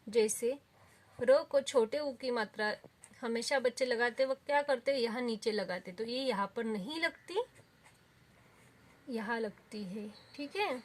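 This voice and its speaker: A woman teaching young children, her voice a little high. She talks very slowly and patiently and sounds out each syllable with care. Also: a little hiss or hum. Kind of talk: children's lesson.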